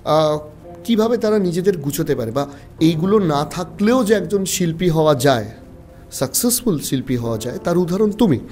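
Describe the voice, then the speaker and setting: A man hosting a podcast interview, asking measured questions with a Bengali accent and affirming his guest often. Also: fairly high pitch, expressive, a little mellow, faint music behind. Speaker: podcast host.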